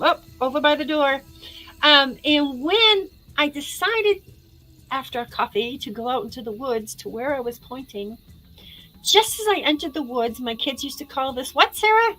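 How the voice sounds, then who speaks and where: Middle-aged woman, casual live-stream host, excitable and chatty, slightly high pitch. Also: rough recording.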